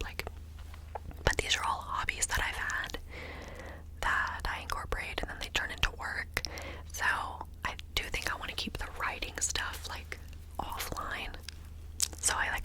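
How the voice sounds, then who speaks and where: A woman speaks in a hushed, breath-only whisper, very close to an ASMR mic. She rambles informally from one thought to the next, moving ear to ear. Now and then she repeats a word or phrase in the same soft whisper. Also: poor audio. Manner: informal, meandering, with repeated words. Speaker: ASMR video creator. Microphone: close ASMR microphone.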